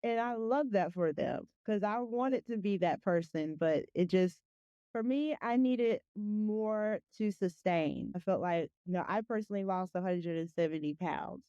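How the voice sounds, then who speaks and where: Woman podcast host, soft mellow tone, chatty and encouraging, dry slightly dull audio. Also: mid-range voice, unhurried, no room sound. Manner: encouraging, effusive. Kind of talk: casual chatty podcast hosting.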